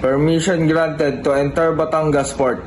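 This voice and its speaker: A man's voice: fairly high pitch, fairly even intonation, moderate pace. A man working as a port traffic operator, giving official instructions in formal marine radio procedure. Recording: roomy echo with faint noise.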